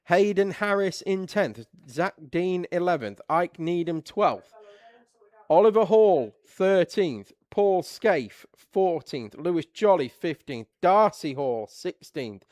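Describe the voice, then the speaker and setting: Man, race commentary, relaxed steady grid reading, slightly high voice. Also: slow pace, no room sound. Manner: relaxed, reads the starting grid in a steady list. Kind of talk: live motorsport commentary.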